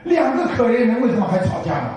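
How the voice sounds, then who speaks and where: A man's voice: extremely high pitch, sing-song, fast talker, crowd noise. An older man gives a folksy Buddhist dharma talk to an audience, full of rhetorical questions. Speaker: Buddhist teacher. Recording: echoey hall from far off.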